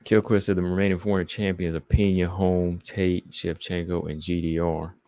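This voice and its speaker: A Southern podcast host with a Southeastern American accent reads chat comments aloud on a relaxed livestream, drifting loosely between them. He speaks at a normal speed in a low, dark, level voice, with no echo.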